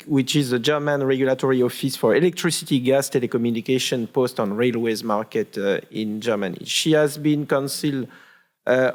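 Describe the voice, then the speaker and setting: A man moderating a conference session, thanking one speaker and introducing the next in a halting way. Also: medium pitch. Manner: halting, with many fillers.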